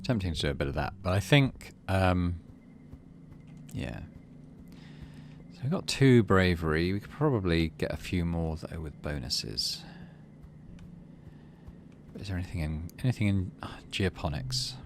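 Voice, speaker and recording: Deep-voiced and animated, a middle-aged man narrates a game's story and gives casual let's play commentary, speaking a little slowly with long pauses. He thinks aloud along the way, with a slight hiss or hum in the recording.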